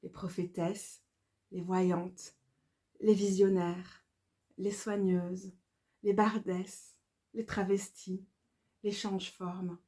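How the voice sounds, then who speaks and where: A woman, calmly reading her own devotional poetry aloud in a measured, incantatory way. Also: medium pitch. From Belgium. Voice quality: calm, measured, incantatory delivery.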